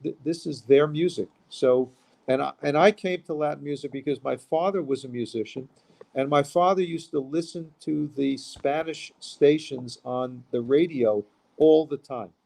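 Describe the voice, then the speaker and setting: A man's voice: on the high side, normal speed, creaky, darkish tone. A man from Queens, a musician talking casually as an interview guest. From Queens, New York.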